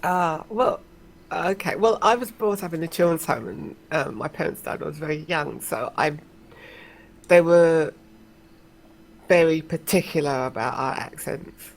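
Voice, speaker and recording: A woman's voice: low-pitched, unhurried. A woman from Essex with a well-rounded, slightly posh English accent, chatting casually. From Essex, England. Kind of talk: casual chat. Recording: clear background noise, online voice chat.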